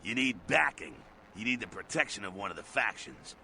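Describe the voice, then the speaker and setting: Streetwise vampire, game dialogue, low voice, lively pitch, forceful, blunt, sardonic. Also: male voice, fairly quick, gravelly, slight background noise, exaggerated voice. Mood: urgent, gruff. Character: gruff, streetwise male vampire helper.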